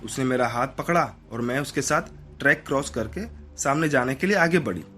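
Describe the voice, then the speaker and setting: A man's voice: mid-range voice, a little fast. A man telling a horror story in the first person, retelling a woman's encounter. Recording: narration over loud background music. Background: background music.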